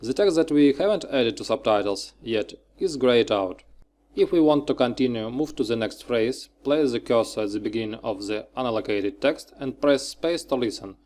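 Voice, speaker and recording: A man narrating a software tutorial follows his script through brief, clipped, step-by-step instructions. His voice is mid-pitched, with lively intonation and a moderate pace.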